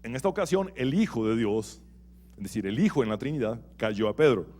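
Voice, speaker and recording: A man preaching a sermon in a church as pastor, animated, swinging between loud and soft and asking rhetorical questions. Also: medium pitch, brisk.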